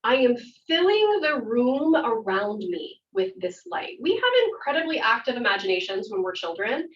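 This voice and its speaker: A woman theater instructor leading an interactive workshop, calm and guiding, slowing down for visualization. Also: fairly high pitch. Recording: muffled audio from far off.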